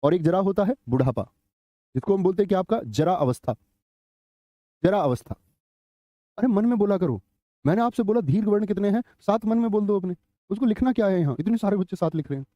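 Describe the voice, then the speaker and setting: A man's voice: sits high, animated, fast talker, dark tone, dry recording, lo-fi sound. A middle-aged man teaching a live online grammar class, chatty, telling anecdotes and quizzing students.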